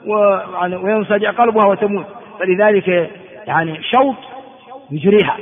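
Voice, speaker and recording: A man from Ethiopia teaching a religious lesson, reading a text aloud and explaining it phrase by phrase, often repeating himself and filling pauses. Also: high-pitched. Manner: explanatory, repeats and glosses phrases, frequent filler words. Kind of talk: classroom lecture explaining hadith text. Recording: tinny lo-fi recording with long hall reverb.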